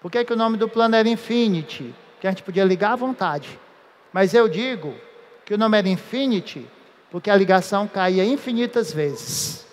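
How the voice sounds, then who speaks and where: A man from Brazil, a teacher giving a lively, joking classroom lecture with drawn-out emphasis. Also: high-pitched. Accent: Brazilian Portuguese. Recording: echoey hall.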